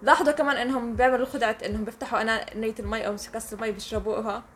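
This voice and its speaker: A woman's voice: on the high side, fairly even intonation, racing, a bit bright. A woman with a Levantine accent explaining things casually and emphatically to listeners as a podcast co-host.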